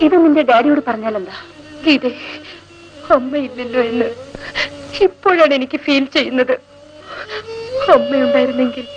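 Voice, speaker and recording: A caring young woman soothing a friend, her high voice earnest and gentle. It sounds like a dull, muffled 1980s film soundtrack with clear score music underneath.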